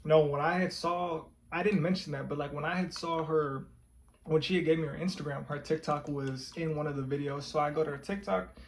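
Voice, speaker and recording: In a relaxed couple chat, a twenty-something co-host of a couples channel speaks frankly to his girlfriend, cursing freely. His pitch is fairly high, his intonation fairly even, his delivery fairly quick, and there's slight background noise.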